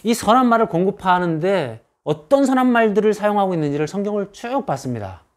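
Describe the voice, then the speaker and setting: A man's voice: high-pitched, animated, fast talker. A man preaching a sermon as pastor, stressing his points by repeating phrases in rising lists.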